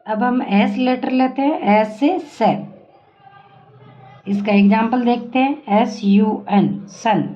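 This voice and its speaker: A woman teaching an English phonics lesson, spelling words out letter by letter and asking drill questions, slow and patient. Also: fairly high pitch, warm tone, dull audio. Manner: asks and answers her own drill questions.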